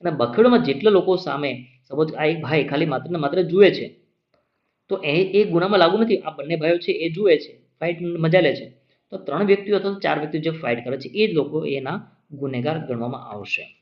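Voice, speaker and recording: A man's voice: a little high, brisk. A male exam-prep teacher giving a classroom lecture, explaining patiently, repeating key points and checking that students follow. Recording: dull lo-fi recording.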